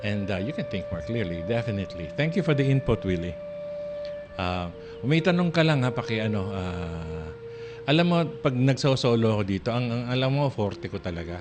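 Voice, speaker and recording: A male radio host talks in a loose, rambling way, often restarting his sentences and laughing softly. His voice sits a little low. Music plays clearly under him throughout the broadcast. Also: expressive, normal speed. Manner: rambling and conversational, with frequent restarts and soft laughs. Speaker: radio talk show host. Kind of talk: casual on-air monologue. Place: radio studio.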